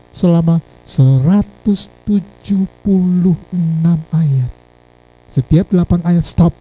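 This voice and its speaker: A man's voice: high voice, mellow, low-quality recording. A male pastor preaching a sermon in a storytelling way. He repeats phrases and asks the congregation rhetorical questions.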